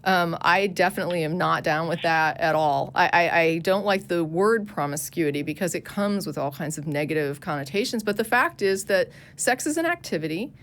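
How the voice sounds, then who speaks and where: A woman co-hosting a call-in show, arguing her view in a quick, earnest manner with many restarts. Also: on the low side, animated, fairly bright tone. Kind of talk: casual call-in debate.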